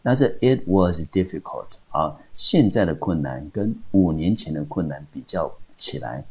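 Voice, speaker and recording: A man's voice: deep voice, animated, normal speed, darkish tone, husky. A man from Taiwan, an English teacher, giving a patient step-by-step vocabulary lesson and asking himself questions as he explains.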